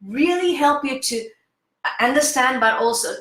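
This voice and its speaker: A woman's voice: high voice, animated, measured pace, a bit bright, roomy sound. Upbeat woman in her fifties teaching face yoga. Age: 50s. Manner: enthusiastic, keeps checking in with "okay?". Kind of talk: interactive online lesson.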